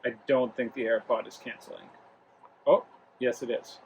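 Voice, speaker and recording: Here the young Rhode Islander's medium-pitched voice is a little mellow, fairly even in intonation, and at normal speed. Hosting a casual home product review vlog as a travel vlog host, he speaks loosely with many fillers and restarts in his living room by the kitchen. The recording is rough, with slight background noise.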